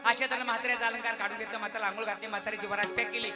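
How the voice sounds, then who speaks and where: A man's voice: high-pitched, little pitch movement, very fast. A man delivering a comic devotional sermon on stage, declaiming with jokes and rhetorical questions. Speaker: folk devotional comic performer. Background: loud folk music.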